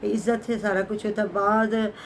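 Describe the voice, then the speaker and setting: A woman's voice: medium pitch, level tone, normal speed. A middle-aged woman talks through a casual vlog commentary. She is chatty and pious and often adds blessings. A faint hiss sits under her voice. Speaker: vlogger.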